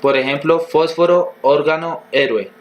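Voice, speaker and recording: A man reading a grammar lesson aloud in a steady, measured, list-like way. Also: fairly high pitch, a little hiss or hum.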